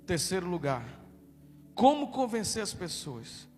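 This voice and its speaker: Brazilian male pastor, high and loud, emphatic sermon, long church-hall reverb. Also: sing-song, measured pace. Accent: Brazilian Portuguese. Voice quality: naturally loud voice. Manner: loud, emphatic preaching, calls out to the congregation. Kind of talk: sermon with declared prayer. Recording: reverberant hall with faint music.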